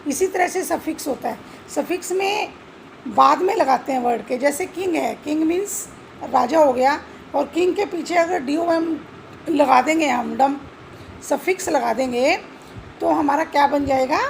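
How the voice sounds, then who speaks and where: A woman's voice: high voice, a little slow, vocal fry, a little hiss or hum, low-quality recording. A woman teaching English grammar with an Indian accent, mixing Hindi and English, spelling words out letter by letter and asking questions she answers herself. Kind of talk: classroom-style explanation.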